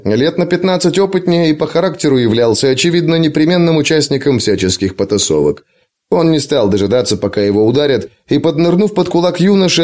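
A man reading an adventure audiobook in a dramatic, expressive narration. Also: a little high. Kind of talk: scripted narration.

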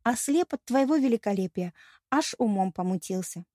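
A woman's voice: mid-range voice, lively intonation, normal speed, mellow, no room sound, studio quality, lightly acted. A woman voicing a boastful, dim-witted male demigod hero who declaims his praise in a pompous, flustered way. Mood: pleading.

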